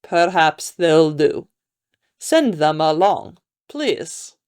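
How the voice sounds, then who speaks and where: A woman voicing a grave, courteous man with a Hungarian accent in an audiobook, speaking in measured, formal phrases. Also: sits low, sing-song, a little mellow, clear, resonant tone, exaggerated voice. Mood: grave, polite. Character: deep masculine Hungarian count, courteous and grave.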